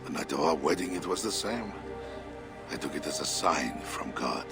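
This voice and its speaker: A man's voice: rumbling low, moderate pace, gravelly, loud music behind the voice. An actor playing a bitter, jealous Frankish king in a video game, pompous and theatrical, with a sardonic edge. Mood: wistful. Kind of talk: dramatic video game acting.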